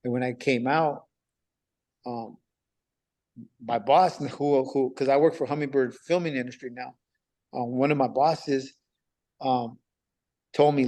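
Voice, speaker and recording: A man's voice: mid-range voice, darkish tone. A man who is a podcast guest on parole, telling a personal story in casual street talk, acting out past conversations and repeating himself.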